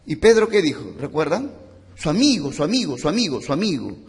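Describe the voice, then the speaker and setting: A man's voice: a little high, very animated, a little fast, in a large hall. A man preaching a sermon as a pastor, impassioned and repeating phrases for emphasis. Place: church.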